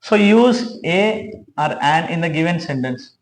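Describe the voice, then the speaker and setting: A man's voice: a little high, animated, unhurried, gravelly. A man teaching grammar, explaining step by step with many restarts and frequent checks of "right?". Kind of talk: classroom grammar lesson. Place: classroom with a board. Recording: echoey room.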